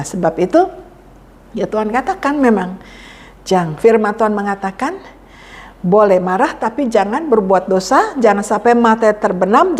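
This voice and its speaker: A woman's voice: mid-range voice, a little mellow, in a large hall. A woman pastor preaching a sermon, repeating key phrases for emphasis and acting out pleading prayers. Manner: acts out pleading prayers to God. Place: church.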